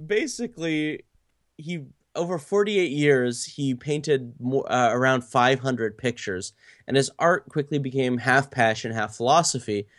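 A man of middle pitch co-hosting a casual podcast, recounting history with lots of "uh" and "um" as he goes. His voice sounds dry and close, with no room echo. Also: measured pace, a bit bright. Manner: storytelling with frequent fillers. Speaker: podcast co-host. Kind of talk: casual chat.

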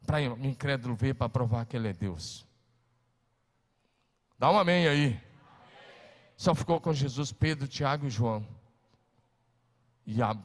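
A man preaching a sermon as pastor, emphatic, moving between loud calls and hushed words and having the congregation repeat after him. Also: medium pitch. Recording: long hall reverb.

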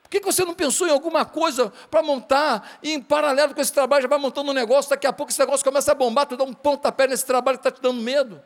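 A high-pitched man preaches a sermon, slipping into little acted exchanges with his flock and rising into fervent calls to action. His voice rings with the long reverb of a church hall. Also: steady tone, racing, few pauses. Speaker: pastor.

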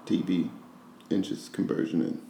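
A man's voice: unhurried, warm tone, a little hiss or hum. A man from Georgia with a Southern accent, teasing and arguing in casual banter with his partner. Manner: teasing, argumentative, laughs often. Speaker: comedian, podcast co-host. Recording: echoey room.

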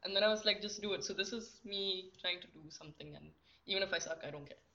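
A young woman chats on a podcast, candid and self-deprecating, tripping over restarts. Her voice is bright and crisp at the top. The recording is a little dull and lo-fi. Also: lowish voice, fast. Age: young adult. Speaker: guest. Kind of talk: casual podcast chat. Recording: slightly muffled lo-fi recording.

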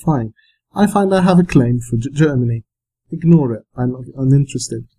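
A man's voice: mid-range voice, expressive, normal speed, dark tone, low-quality recording. A man on a casual podcast, telling a story in dry, clipped beats. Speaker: podcast co-host.

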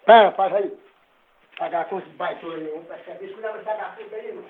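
A man's voice: sits high, quick pace. A man on a prank call who talks in an angry, insulting, threatening way. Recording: tinny phone line.

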